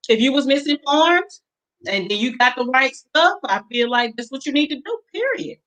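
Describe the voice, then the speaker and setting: A woman with a bright, somewhat high voice reads viewer comments aloud on a casual chat show. She pauses on fillers and then reacts to what she read. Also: animated, rough recording. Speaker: co-host reading viewer comments.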